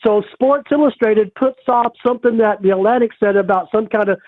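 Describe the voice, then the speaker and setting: A man's voice: high-pitched, a little fast, dry recording. A man calling in to a sports talk show over the phone, ranting animatedly and saying "man" often. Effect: heard over a phone line. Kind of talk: casual phone-in rant. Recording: tinny phone line, dry.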